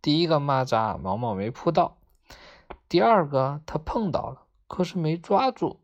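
A woman narrating a children's story in a gentle, measured way. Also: deep voice, lively intonation, lo-fi sound.

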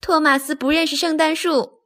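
A woman's voice: high voice, big pitch swings, unhurried, fairly bright tone, pitched above the performer's own voice, full character voice. A woman voicing a boastful male train engine who teases and makes a fuss. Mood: mocking. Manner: teasing, making a fuss.

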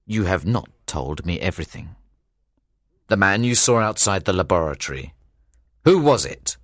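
A man plays a grave, formal lawyer, a little above his own pitch. The lines are measured and swing widely in pitch. The sound is close and dry. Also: very animated, no room sound. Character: serious middle-aged male lawyer, measured and grave. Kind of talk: audiobook character voice.

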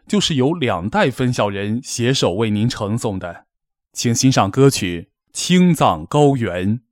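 In a mid-range, slightly mellow voice, the master of ceremonies at a formal gala declaims a poetic, scripted address, solemn and measured in his phrasing. The studio-quality recording carries no echo.

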